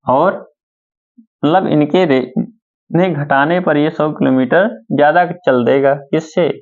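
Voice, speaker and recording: A man's voice: fairly high pitch, a little mellow. A male math teacher, working through problems step by step and asking questions back to his students. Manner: slow, repeats steps and asks questions back to students. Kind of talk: board-work math lesson. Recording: dull lo-fi sound.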